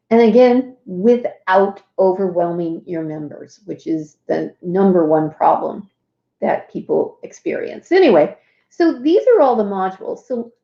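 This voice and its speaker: Slow chatty woman in a roomy room. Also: mid-range voice, dull audio. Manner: chatty, lots of fillers and asides. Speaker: host. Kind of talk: casual livestream walkthrough.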